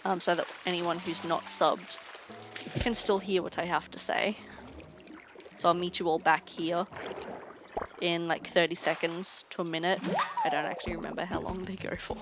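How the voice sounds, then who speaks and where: A young woman game streamer chatting casually while she plays, tired and low on energy, rambling with frequent ums. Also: level tone, moderate pace, pauses often, music in the background. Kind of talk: casual chat while gaming. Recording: noisy game audio behind.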